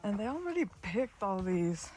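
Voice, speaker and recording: A woman's voice: medium pitch, big pitch swings, normal speed, dark tone, a little hiss or hum. A woman, chatting and rambling as she vlogs outdoors in strawberry fields on a handheld phone. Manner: chatty, rambling, switches into Spanish. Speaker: vlogger. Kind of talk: casual vlog narration.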